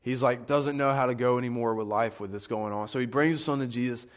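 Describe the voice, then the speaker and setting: A man's voice: medium pitch, steady tone, quick pace. A young man giving a casual, conversational Bible teaching in an earnest, encouraging way.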